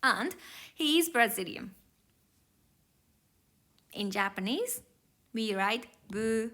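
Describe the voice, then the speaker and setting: A woman teaching a language lesson, explaining grammar slowly and carefully. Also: a little high, animated, pushed and bright.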